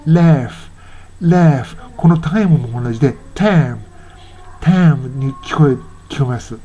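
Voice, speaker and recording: An older Japanese man explaining song lyrics and English pronunciation in a musing, self-correcting way, sounding lines out slowly. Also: mid-range voice, mellow, breathy edge, lo-fi sound. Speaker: English teacher.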